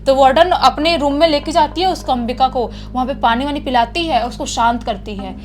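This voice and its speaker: A woman's voice: high-pitched, brisk, faint music behind. A woman telling a true horror story in a chatty, casual way, often repeating words for effect.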